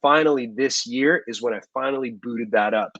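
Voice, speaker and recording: A man in his thirties, the actor guest in an interview, speaks in a fairly bright mid-range voice at normal speed. He talks at length and rambles chattily, restarting often and saying um a lot. The call comes from his living room through a video call microphone, sounding dull and dry with no echo.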